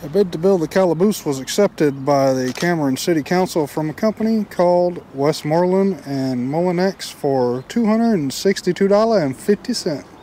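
Man, slightly high voice, casual joking tour chat, outdoors with faint wind noise. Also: expressive, moderate pace, hardly any pauses, warm tone. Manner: chatty, jokey, reads plaques aloud. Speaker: travel vlogger. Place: outdoors in a small town, windy.

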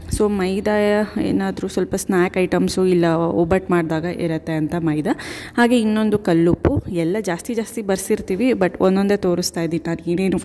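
In an echoey home with some background noise, a young Indian woman from Karnataka explains household things one after another in a casual vlog, starting in the kitchen and ending in the living room. She speaks at a fairly low pitch with a warm tone.

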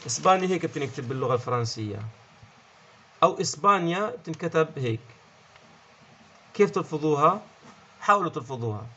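A man's voice: a little high, animated, fast talker, long pauses, bright, forceful tone, highs cut off. A man with a Levantine Arabic accent teaching French in an explanatory lesson, often checking in and repeating key words. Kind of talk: online language lesson.

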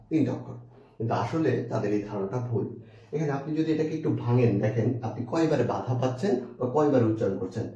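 A man teaches an exam-prep grammar lesson in a mellow, mid-pitched voice. He puts questions to the viewer and answers them himself, slowly spelling out words. He sounds set back from the mic in an echoey room. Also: recorded from a distance, muffled recording.

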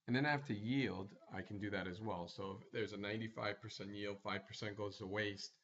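A man with a fairly low voice guides viewers through setting up software, one step at a time, in a straightforward screencast tutorial. The audio has its highs cut off.

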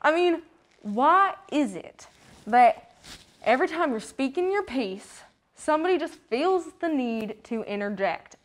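A woman's voice: sits high, animated, unhurried. A woman doing a chirpy folksy rodeo queen. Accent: put-on American Southern country. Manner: folksy, drawling, calls everyone honey. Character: folksy cowgirl rodeo queen, chirpy, full of country sayings. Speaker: guest character.

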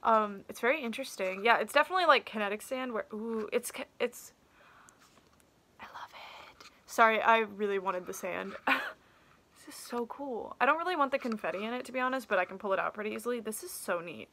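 A young woman in her twenties chatting casually through a toy unboxing in a small room, excitable and full of "um" and "like", filmed by a camera on her desk. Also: fairly high pitch, fairly quick. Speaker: toy collector vlogger. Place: small indoor room lined with doll shelves. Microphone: camera on desk at close range. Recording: loud crinkling of plastic packaging. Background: crinkling packaging and clicks.

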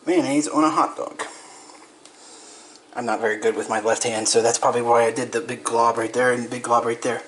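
A young man rambles casually in a food-tasting vlog, repeating himself and talking with his mouth full as he eats. His mid-range voice is fairly even and fairly quick, over slight background noise.

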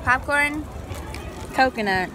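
A young woman vlogging in a casual, chatty and excitable way from a crowded outdoor city food festival, filming herself on a handheld camera. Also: high-pitched, slow. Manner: chatty, excitable, drops to hushed whispers. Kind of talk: casual vlog chat. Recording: noisy outdoor street recording.

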